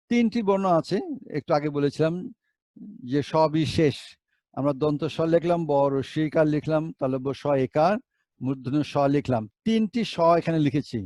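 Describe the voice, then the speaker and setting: A man's voice: fairly high pitch, a little mellow, no echo. A male teacher giving a Bengali pronunciation lesson, spelling words out letter by letter and asking rhetorical questions.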